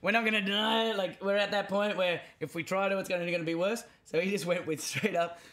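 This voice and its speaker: High-voiced man chiming in. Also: fairly even intonation, a bit bright. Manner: quick chiming-in, dry asides. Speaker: co-host. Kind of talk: casual podcast banter.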